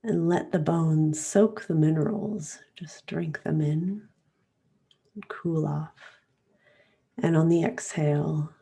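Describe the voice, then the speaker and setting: Guiding a meditation, a woman uses a low, husky voice touched with vocal fry. Everything is soft, soothing and unhurried, and long pauses with breaths mark where her phrases end.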